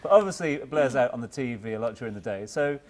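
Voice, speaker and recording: A man's voice: medium pitch, lively intonation, quick pace, darkish tone. A man speaks as co-host of a casual talk show. He is informal and chatty, with a jokey touch as he puts questions to a guest.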